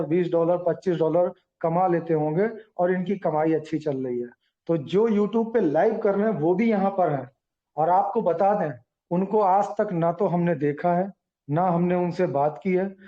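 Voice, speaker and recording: A man with a high voice and a dark, mellow tone addresses a meeting, explaining points with earnest, repeated reassurance. The recording sounds dull and lo-fi. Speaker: speaker addressing a community meeting.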